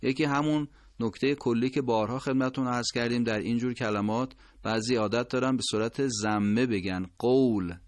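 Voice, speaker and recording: A man's voice: medium pitch, steady tone, dry recording. Man, recitation teacher, patient and corrective, stretches out example words, dry close voice. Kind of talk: instructional explanation with drawn-out pronunciation examples.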